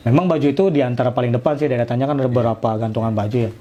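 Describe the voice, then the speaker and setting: A man's voice: mid-range voice, rapid-fire, dark tone. A middle-aged man, casually telling his own story and acting out the dialogue. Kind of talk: casual personal testimony.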